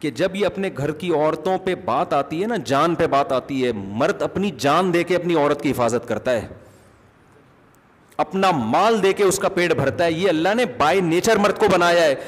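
A man's voice: fairly high pitch, normal speed. A male religious scholar giving a conversational lecture, asking his listeners questions as he talks. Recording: long hall reverb.

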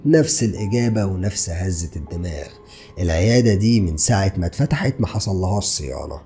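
This Egyptian-accented man in his thirties tells a true crime story in a deep, mellow voice, moving at a quick pace with lively intonation and throwing rhetorical questions at the listener. Soft music plays underneath. He's recording indoors in a small dark studio, with a podcast mic on a stand in front of him.

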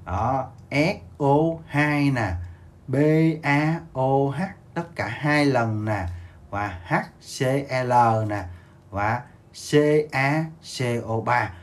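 A man's voice: mid-range voice, slow pace. A male teacher giving a livestreamed exam review lesson, repeating words, quizzing viewers and asking them to like and share. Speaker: online math and chemistry teacher.

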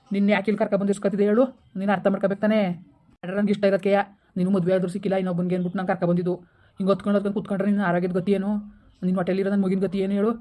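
A woman voicing a jealous, remorseful village husband, scolding and then coaxing in rapid speech. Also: medium pitch, natural voice.

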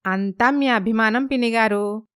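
A woman's voice: on the high side, unhurried, fairly bright tone, smooth. A woman voicing a dutiful young daughter-in-law who speaks politely and modestly.

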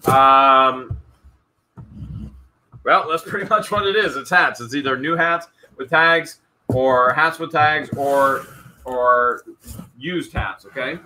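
A man's voice: mid-range voice, slow pace, pauses often, sharp tone, slight background noise, rough recording. A man in his thirties hosting a casual live-stream auction, chatty and hyping the bids, repeating numbers as he goes. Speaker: live-stream host auctioning storage-unit finds. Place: small indoor room with a wall of hats behind.

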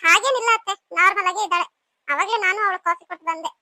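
A woman's voice: very high voice, rapid-fire, pushed and bright, no room sound, clean studio sound, heavily acted. A woman voicing a cheerful, clever young daughter-in-law in a cartoon, speaking in a respectful, chatty way. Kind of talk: cartoon voice acting.

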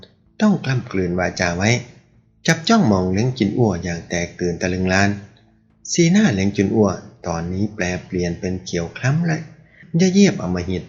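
A man reading a martial-arts novel aloud as an audiobook narrator, raising his pitch to voice the characters. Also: very animated, normal speed, a little mellow, lo-fi sound.

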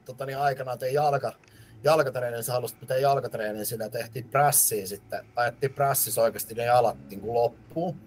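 A man's voice: mid-range voice, a little hiss or hum. A man, a personal trainer telling rambling gym stories brashly on a podcast, swearing as he goes. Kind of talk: casual podcast chat.

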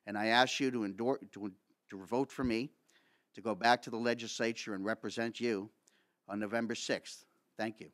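A middle-aged man from Massachusetts, a political candidate, reading a prepared opening statement in a measured, formal way at a table microphone in a school meeting room. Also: fairly low pitch, steady tone, fairly bright tone. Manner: reads from notes, measured and formal.

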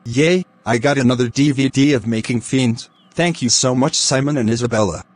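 A synthetic male voice, medium in pitch and close to an everyday voice, plays a delighted, emotional birthday celebrant in an amateur cartoon. The text-to-speech delivery is stilted, at normal speed, and the recording is dry.

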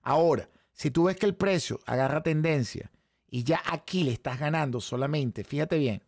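This live-stream trading lesson is run by a Venezuelan instructor with a hoarse, slightly high voice and gravelly fry, speaking Venezuelan Spanish. The sound is dry and close, without any room sound. He stays animated, addressing the chat audience directly and firing off frequent rhetorical questions to keep them engaged.

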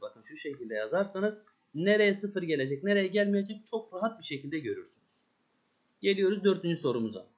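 Man, math teacher, high lively voice, step-by-step explaining, dull lo-fi recording. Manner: lively, step-by-step, addresses pupils directly. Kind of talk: explaining a math lesson to pupils.

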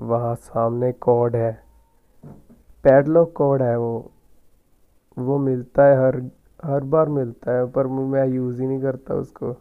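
A man's voice: mid-range voice, phone-quality sound. A man with a sore throat, muttering casual gameplay commentary as he plays and taunts the game character. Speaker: gaming YouTuber.

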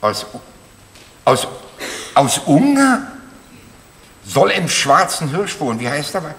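An older actor playing a stubborn, meddling retired man near seventy in a stage comedy, talking in an animated, sputtering way. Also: on the high side, takes it slowly, slight background noise, full character voice. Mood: scheming. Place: theater stage. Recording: echoey theater stage with audience laughter. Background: audience laughter.

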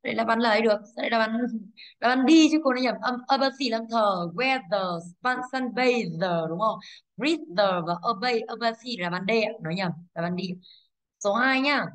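A woman's voice: a little high, a little fast, a bit bright. A woman teacher with a Vietnamese accent going over exam answers, explaining patiently, checking in with rhetorical questions and correcting herself. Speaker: English teacher. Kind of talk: exam review lesson.

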